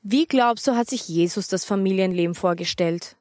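A woman voicing a patient mother who talks in a calm, firm, gently teasing way. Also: mid-range voice, moderate pace, no echo, studio quality, natural voice.

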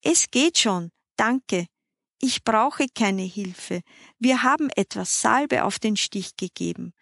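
A woman's voice: mid-range voice, animated, takes it slowly, creaky, fairly bright tone, no room sound, clean studio sound, heavily acted. A woman voicing a young girl who was stung by an insect, speaking plaintively.

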